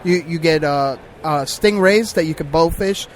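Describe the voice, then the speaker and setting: A man's voice: on the high side, normal speed. A man co-hosting a bowhunting podcast, talking casually, laughing and swearing often. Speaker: podcast co-host. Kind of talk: casual chat.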